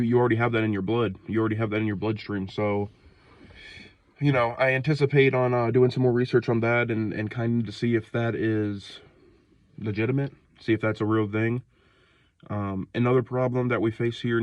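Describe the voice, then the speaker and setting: A man's voice: fairly low pitch, no echo, highs cut off. A man in his twenties, sick and short of breath, rambling loosely in a slangy casual rant, outdoors in the cold. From Ohio, United States. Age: 20s. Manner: rambling, loose, slangy, many fillers and restarts. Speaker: vlogger.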